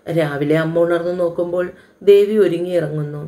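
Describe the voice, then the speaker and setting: A woman storyteller giving a calm, even, scripted narration of an audio love story. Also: on the low side, fairly quick.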